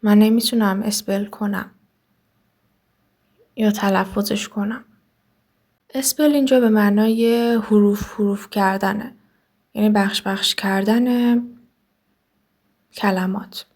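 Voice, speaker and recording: A woman teaching an English lesson, with Persian as her first language. She reads each English line slowly and carefully, then explains it quickly. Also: mid-range voice, steady tone, darkish tone.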